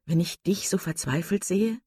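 A woman reading an audiobook and voicing a composed young woman who speaks earnestly and gently firm. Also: on the low side, moderate pace, slightly rough, no room sound, clean studio sound.

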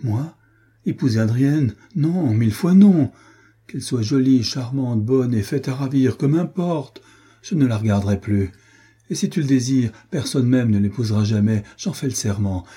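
A man's voice: lowish voice, fairly quick, mellow, husky. A man voicing a distraught young nobleman. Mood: vehement. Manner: anguished, pleading, explosive.

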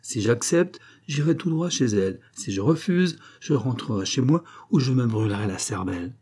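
Man voicing a broke young aristocrat, gloomy and proud, husky dark voice. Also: mid-range voice, expressive, moderate pace. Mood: sombre. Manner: sombre and resigned. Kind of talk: audiobook character reading.

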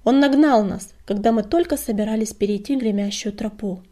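A woman's voice: a little high, brisk, natural voice. A woman voicing a fierce, hot-tempered male warrior cat who roars and snarls his lines in a storybook reading. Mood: angry. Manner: loud, snarling, forceful.

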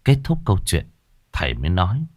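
Man, ghost story narration, dramatic, lively pitch, dry recording. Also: quick pace, no echo.

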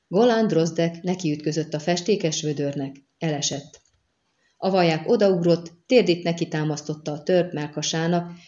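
A woman narrating an audiobook in a measured, even reading style. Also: sits low. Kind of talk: scripted narration. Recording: dull lo-fi audio.

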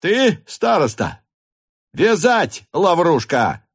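A man voicing a furious young male hussar officer who shouts commanding orders in an audiobook. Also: fairly high pitch, a little slow, voice pushed up, close to an everyday voice. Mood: furious shouting.

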